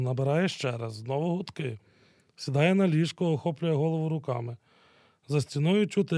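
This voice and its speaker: A man calmly reading out the stage directions of an audio drama. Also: fairly high pitch, dry recording, studio quality. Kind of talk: scripted narration.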